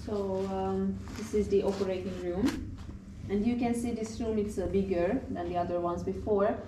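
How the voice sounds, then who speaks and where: A woman's voice: medium pitch, steady tone, normal speed. Distant woman tour guide in echoing underground bunker. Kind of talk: guided tour talk with explanations. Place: tiled rooms of an underground bunker museum. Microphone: visitor's handheld camera, some distance away. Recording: roomy, distant, noisy underground bunker recording.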